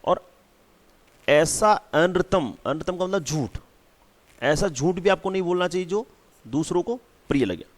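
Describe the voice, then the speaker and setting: A man's voice: on the high side, lively intonation, measured pace, long pauses. Man explaining a lesson, repetitive. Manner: repeats key words, frequent "theek hai" check-ins. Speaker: teacher.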